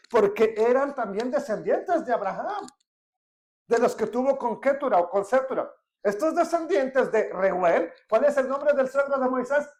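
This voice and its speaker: A Bible teacher, leading a verse-by-verse study, asking listeners questions and reading verses aloud slowly. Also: medium pitch. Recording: echoey room.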